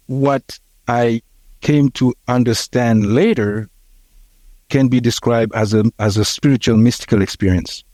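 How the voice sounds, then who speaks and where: Hesitant, mellow-voiced man in his sixties. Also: medium pitch, dry recording. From Haiti. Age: 60s. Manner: hesitant, many fillers and restarts. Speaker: podcast guest. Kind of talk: reflective conversational storytelling.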